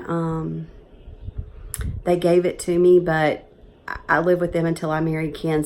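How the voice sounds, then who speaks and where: A woman in her fifties with a drawl talks straight to camera in a chatty, earnest way. Her voice sits a little low, and her talk stays casual and heartfelt. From Georgia, USA. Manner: earnest, chatty, emotional at times. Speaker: professional organizer vlogger.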